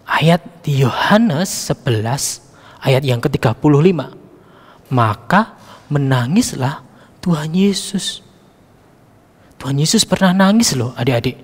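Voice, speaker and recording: A man's voice: on the high side, big-room sound. A man leading a children's Sunday school Bible lesson, coaxing and addressing the kids directly.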